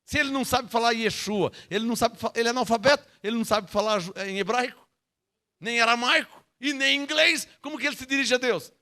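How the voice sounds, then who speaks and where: High-pitched emphatic Brazilian man preaching. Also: fast, sharp tone. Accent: Brazilian Portuguese. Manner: emphatic preaching, rhetorical questions to the congregation. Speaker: pastor. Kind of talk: sermon, Bible teaching.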